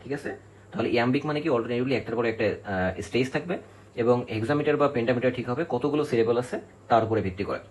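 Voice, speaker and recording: A man's voice: medium pitch, fast, darkish tone, poor audio. A male literature teacher giving an exam-prep lecture, explaining step by step, counting syllables aloud and often checking in with his students.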